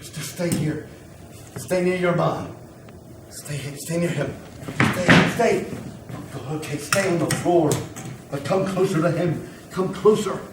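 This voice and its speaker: A man playing a fireman who coaxes and reassures trapped survivors in an amateur audio drama, often repeating himself. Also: a little high. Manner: soothing and urgent, repeats his coaxing. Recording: roomy, distant mic, ambient noise.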